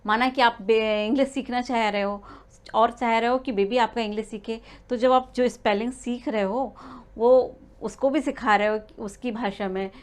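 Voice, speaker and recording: A woman's voice: fairly high pitch, fairly even intonation, moderate pace, hardly any pauses, clean tone. A woman giving a spoken lesson to expecting mothers, explaining step by step with frequent "uh" fillers and small restarts. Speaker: prenatal learning coach.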